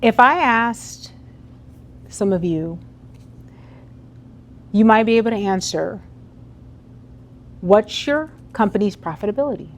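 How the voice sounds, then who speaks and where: A woman's voice: mid-range voice, lively intonation, slow pace, long pauses. A woman giving a motivational keynote speech to a live audience in an event hall, talking conversationally and putting questions to the crowd. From United States. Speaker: keynote speaker.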